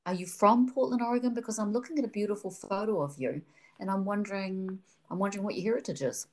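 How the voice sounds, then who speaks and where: A New Zealand woman with a Kiwi accent hosts a podcast interview, asking her questions with effusive enthusiasm. She talks fast in a medium-pitched, slightly mellow voice.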